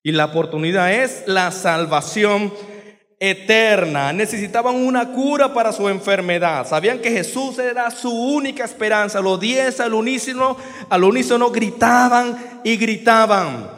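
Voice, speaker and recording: A man preaching a sermon, dramatic, moving between loud outbursts and quiet asides. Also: sits high, normal speed, in a large hall.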